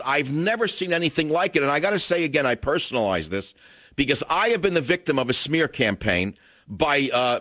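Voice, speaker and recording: A man's voice: medium pitch, a bit bright, no room sound. An older man hosting a call-in radio talk show, ranting in an indignant, combative way.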